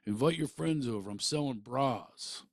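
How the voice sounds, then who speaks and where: A man voicing his brash, scheming salesman father with a pushy sales-pitch delivery. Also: moderate pace, no room sound, clean studio sound, natural voice. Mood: salesy.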